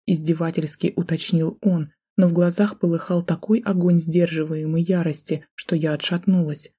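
Husky, mellow woman reading a novel. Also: fairly low pitch. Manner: tense, emotional storytelling. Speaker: audiobook narrator. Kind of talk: first-person novel narration.

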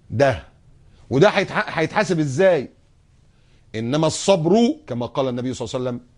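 A man preaching a sermon in an Egyptian accent, speaking in a lively, theatrical way that acts out scenes and voices. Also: medium pitch. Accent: Egyptian Arabic. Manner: animated, acts out quoted voices and scenes, jokes and laughs. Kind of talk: colloquial sermon.

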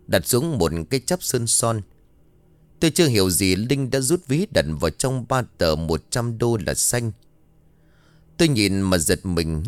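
Expressive low-voiced male ghost-story narrator. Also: dry recording.

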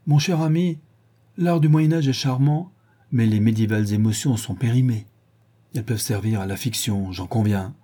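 A man's voice: mid-range voice, moderate pace, warm tone, husky, lightly acted. A man voicing a witty, cynical aristocratic dandy who speaks in airy epigrams, in a classic novel audiobook. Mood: languid, witty.

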